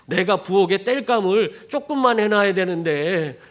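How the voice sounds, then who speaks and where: A man's voice: sits high, animated, moderate pace, fairly bright tone. A man voicing a humble old father-in-law. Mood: apologetic.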